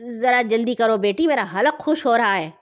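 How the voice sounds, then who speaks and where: A woman's voice: a little high, expressive, muffled recording, close to an everyday voice. A woman voicing a sleepy, grumbling father who speaks up from his bed in a children's story. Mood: grumpy.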